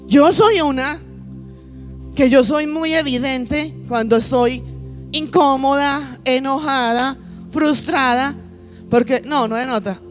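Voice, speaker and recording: A woman's voice: sits high, slow, faint music behind. A woman pastor preaching a sermon, piling up lists and asking the congregation rhetorical questions.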